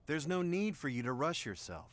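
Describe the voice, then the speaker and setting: An actor playing a theatrical, playful and reassuring young space captain in a video game. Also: male voice, fairly high pitch, big pitch swings, normal speed. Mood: teasing, reassuring. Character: teasing young male space captain, big-brotherly friend. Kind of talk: English video game voice acting.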